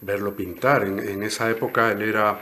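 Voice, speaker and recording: Being interviewed, a poet from Cuba in his sixties gives thoughtful replies peppered with the tag "¿no?" He speaks at a moderate pace in a fairly low, bright voice whose level tone comes across as forceful.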